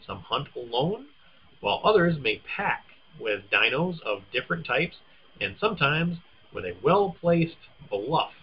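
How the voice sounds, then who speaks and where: A man's voice: a little high, big pitch swings, measured pace, slightly rough, muffled recording. A man co-hosting a casual chat, playfully teasing and reading game blurbs aloud. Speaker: podcast co-host.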